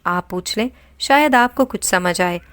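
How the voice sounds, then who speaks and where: A woman's voice: mid-range voice, expressive, a bit bright, clear, resonant tone, no room sound, close to an everyday voice. Woman reading as a baffled, pleading husband. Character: bewildered husband, a worried young-to-middle-aged man.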